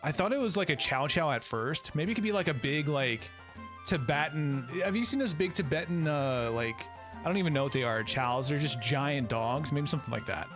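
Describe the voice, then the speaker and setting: A man in his thirties plays a game on a live stream, greeting viewers and chatting in a laid-back, friendly manner. His voice is a little high with lively intonation at a normal speed, and music plays underneath.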